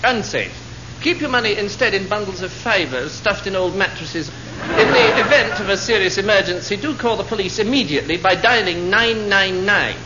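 A man playing an earnest, hapless crime prevention adviser giving a deadpan comic lecture. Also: high-pitched, normal speed, crowd noise. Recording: dull, lo-fi, loud noise.

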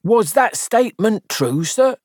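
Brief: narrator as a dry, calm male inspector, slow deliberate questioning, varied inflection. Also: medium pitch, dry recording, pitched above the performer's own voice. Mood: pressing. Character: shrewd, methodical police inspector, a man.

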